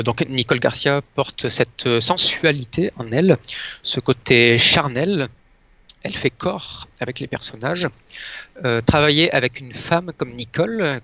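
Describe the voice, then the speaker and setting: Hesitant gravelly male guest explaining astrology, halting delivery, muffled lo-fi recording. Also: mid-range voice, pushed and bright. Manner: hesitant, pauses often to search for words. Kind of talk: casual presentation of a chart. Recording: dull lo-fi sound.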